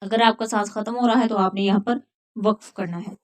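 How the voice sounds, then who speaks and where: A woman teaching a tajweed lesson, patiently explaining each rule and then chanting the verses slowly. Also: medium pitch, steady tone. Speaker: Quran recitation teacher.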